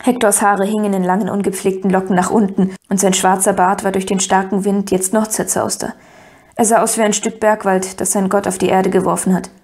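A woman narrating a first-person audiobook in an even storytelling manner. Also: mid-range voice, fairly quick.

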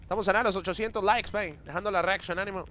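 A man's voice: high-pitched, steady tone, quick pace, pushed and bright. A man chatting on a live game stream, teasing his chat with slangy banter.

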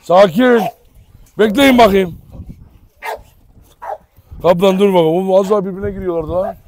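Man, high-pitched, casual farm vlog commentary, affectionate with dogs, yells commands, faint outdoor noise. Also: moderate pace. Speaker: dog farm vlogger. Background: dogs barking.

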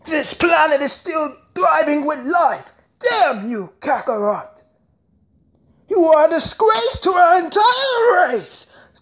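A man's voice: very high-pitched, big pitch swings, slow pace, sharp tone, pitched above the performer's own voice, exaggerated voice, low-quality recording. A man switching impression voices between hot-blooded anime fighters and taunting villains. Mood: fierce.

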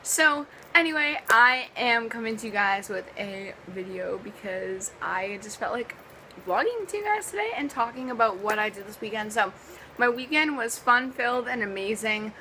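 A woman's voice: fairly high pitch, lively intonation, normal speed, sharp tone, slight background noise, low-quality recording. A young woman from the US East Coast with a sore, partly lost voice, chatting casually in a vlog and rambling with lots of ums and likes. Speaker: vlogger.

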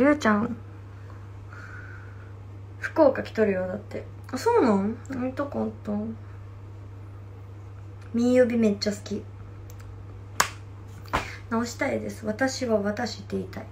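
Reading her fans' comments aloud, a Fukuoka-born idol in her twenties chats casually on a phone livestream in a high-ish voice, her Hakata accent audible. She's chatty and responsive, sometimes slipping into gentle whispers, with slight background noise.

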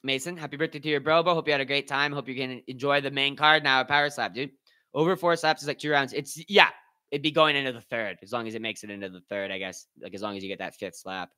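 A man's voice: mid-range voice, quick pace, sharp tone. A man hosting a live watch-party stream, commenting casually in loose slang and reading out and answering his chat.

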